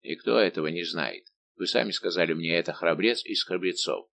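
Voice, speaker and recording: A man voicing a big, good-natured, simple-minded old musketeer baron, talking slow and booming. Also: creaky, a bit bright. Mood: hearty.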